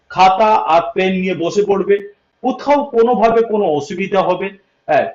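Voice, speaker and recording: A man's voice: high-pitched, darkish tone. A male English teacher giving a livestream lesson, repeating each point and checking that students understand. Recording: echoey room, dull lo-fi sound.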